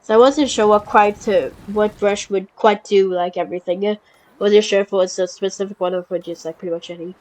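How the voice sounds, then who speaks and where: Her nose blocked by a cold, a woman casually talks viewers through building a park in a video game. Fillers, false starts and corrections break up her mid-pitched sentences, though cute moments spark small bursts of excitement. The recording is of poor quality.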